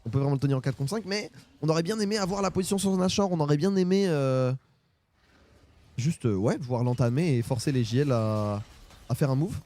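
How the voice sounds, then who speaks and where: Fast, high-voiced young male caster. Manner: fast, excitable, frequent exclamations. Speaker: esports co-caster. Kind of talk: excited live esports commentary.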